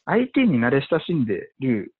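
Male investor guest, animated, husky, tinny phone-like sound. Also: mid-range voice, normal speed. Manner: animated, many fillers, acts out quotes. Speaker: venture investor. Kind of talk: casual podcast conversation.

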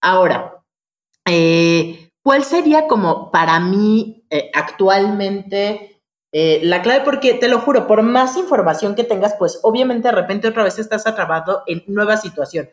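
Animated Mexican woman telling stories. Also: medium pitch, a little slow. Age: adult mother. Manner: animated, storytelling, keeps swearing it's true. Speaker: guest. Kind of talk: casual podcast conversation.

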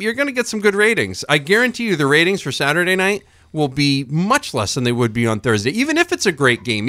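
A man's voice: fairly high pitch, bright, forceful tone, dry recording, clean studio sound. A man with a Maine accent hosting casual sports banter in an emphatic, opinionated way. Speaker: sports talk show host.

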